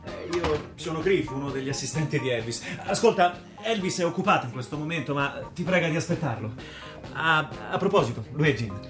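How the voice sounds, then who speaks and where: A man's voice: fairly high pitch, lively intonation, brisk, roomy sound, music in the background, close to an everyday voice. A man playing a jovial mocking sidekick. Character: joking male assistant to a star, mischievous. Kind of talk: radio drama acting.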